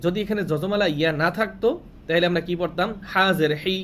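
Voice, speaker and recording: A man with a slightly high voice teaches a recitation lesson in a steady classroom manner. He poses questions and then answers them himself, stretching sounds out to show long vowels. Faint noise hums under the recording. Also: fairly quick. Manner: asks questions and answers them himself, repeats rules to memorize; draws out sounds when showing long vowels. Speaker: Quran reading teacher.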